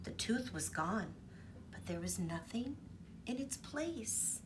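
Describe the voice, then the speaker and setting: Reading a storybook aloud for children, this woman teacher pauses frequently to put questions to them in an expressive way. She speaks slowly in a fairly high pitch, far from the mic, with noise in the background.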